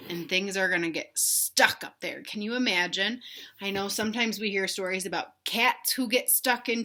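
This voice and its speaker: A young woman teacher reading a picture book aloud to children, pausing to ask them questions in an encouraging way. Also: mid-range voice, bright, forceful tone.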